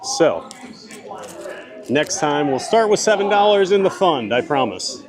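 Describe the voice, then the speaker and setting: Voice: medium pitch, very animated, a little slow, crowd noise. A livestream vlogger chatting casually, politely and upbeat while out at a theme park. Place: theme park shops and walkways. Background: loud background music.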